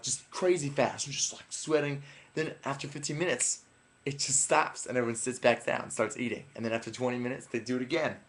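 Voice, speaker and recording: A young man casually telling a rambling, profane story from a weekend trip, full of fillers. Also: medium pitch.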